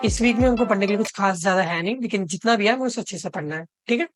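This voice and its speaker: A man tutoring online who explains step by step, reads example sentences slowly and keeps checking in with his listeners. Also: high-pitched, dry recording, faint music behind. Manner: reads English sentences slowly, checks in with frequent tag questions. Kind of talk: explanatory lesson mixing Hindi and English.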